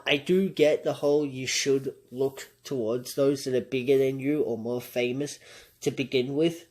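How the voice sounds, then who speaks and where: Man giving casual reaction commentary. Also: medium pitch. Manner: analytical, conversational, chuckles often. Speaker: commentary channel host.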